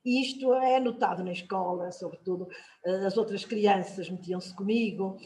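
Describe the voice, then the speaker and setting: On a video call from a room at home, an older woman speaks as a guest writer on a panel, giving a personal account. Born in São Tomé and Príncipe and raised in Portugal, she has a European Portuguese accent and a mellow, medium-pitched voice. She sounds reflective and measured, filling her long pauses with drawn-out "ah"s.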